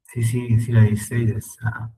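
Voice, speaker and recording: A man teaching an online English class, speaking slowly and repeating words for his students to copy. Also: medium pitch, level tone, warm tone, distant mic, low-quality recording.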